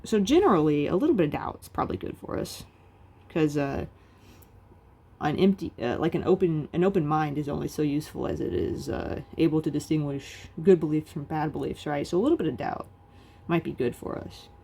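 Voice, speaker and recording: A woman with a low voice and a warm, soft tone explains philosophy in a video lecture. She talks casually and loosely, filling the pauses with "um" and "like". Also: expressive, gravelly, slightly rough. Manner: casual and chatty, many fillers like "um" and "like".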